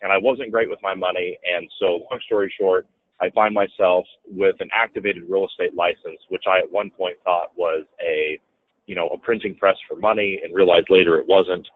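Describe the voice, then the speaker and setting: A man in real estate, interviewed casually, tells a story at a moderate pace in a low voice, lively and raising his voice whenever he imitates what others said. The recording is dry with no room sound but tinny, as if through a phone.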